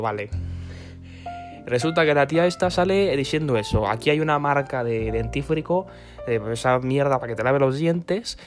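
A man giving a sarcastic comic rant to camera, swearing constantly and rambling off on tangents. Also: medium pitch. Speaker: vlogger.

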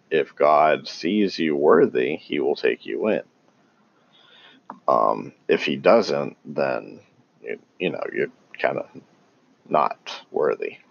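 A man talking casually and haltingly about scripture, with many pauses and restarts. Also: very deep voice, gravelly, highs cut off. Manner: calls himself tongue-tied. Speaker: religious commentator. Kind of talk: casual unscripted talk on scripture.

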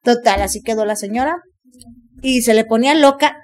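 A woman with a Mexican accent telling a story in casual chat, animated, full of crude slang and acted-out voices. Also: fairly high pitch, brisk. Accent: Mexican Spanish.

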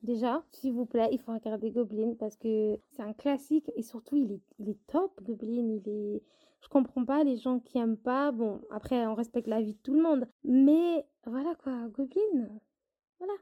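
A woman guest chats casually about TV dramas, sounding chatty but hesitant and using plenty of fillers. Her voice is a little high and moves at a moderate pace, coming through a tinny remote line.

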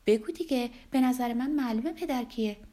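A woman's voice: a little high, warm tone, pitched above the performer's own voice, close to an everyday voice. A woman voicing a spiteful young woman in an audiobook, speaking curtly and with scorn. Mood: scornful. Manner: curt, scornful.

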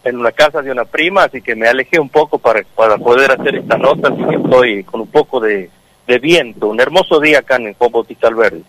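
A man's voice: medium pitch, fast talker, background noise. Middle-aged Argentine man on the phone. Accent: Argentine Spanish. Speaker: songwriter guest. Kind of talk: phone interview on radio. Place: outdoors near a football pitch, windy.

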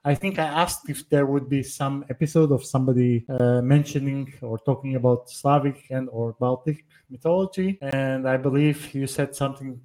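A man from Portugal, a podcast guest, talking casually and hesitantly with many pauses and fillers. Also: medium pitch, fairly even intonation, dark tone. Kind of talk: casual conversational explanation. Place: home setup on a call, northern Poland.

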